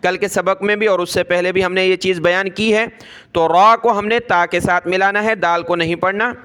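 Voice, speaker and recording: A man with a Pakistani Urdu accent teaching Quran reading, spelling out words letter by letter and drawing them out slowly between brisker explanations. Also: sits high, fairly even intonation, bright, forceful tone, clean tone.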